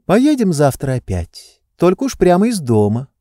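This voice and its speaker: A man's voice: fairly high pitch, huge pitch swings, moderate pace, dark tone, no echo, clean studio sound, pitched above the performer's own voice. A man reading an audiobook, voicing a playful, teasing young woman with a capricious manner.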